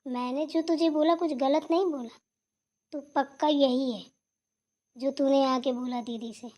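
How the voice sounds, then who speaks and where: A sharp-tongued, lazy sister-in-law from a cartoon family squabble, as a woman voices her. Her voice sits high and her delivery is blunt and scolding. She tags her lines with a challenging "right?". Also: steady tone, unhurried. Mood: defiant. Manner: blunt, scolding, repeats "theek hai na". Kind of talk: cartoon voice acting.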